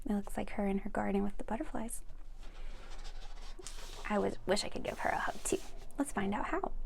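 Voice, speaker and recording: A woman with a slightly high, gravelly voice reads a picture book aloud to young children. She's expressive, addresses her listeners directly, and drops in chatty asides along the way.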